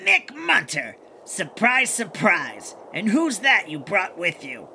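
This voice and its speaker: A man's voice: high-pitched, huge pitch swings, slow pace, creaky, pushed and bright, a little hiss or hum, exaggerated voice. A man voicing a bossy, sneering, conceited poacher boss, the villain of a children's audio adventure, full of scornful insults. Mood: gloating.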